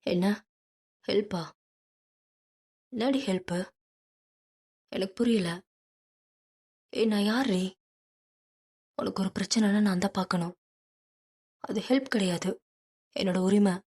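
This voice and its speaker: A woman's voice: mid-range voice, slow pace, pauses often, a little mellow, husky. A woman voicing a possessive, hot-tempered rich young man in an audiobook, speaking bluntly and insistently. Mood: heated, insistent. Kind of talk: audiobook character reading.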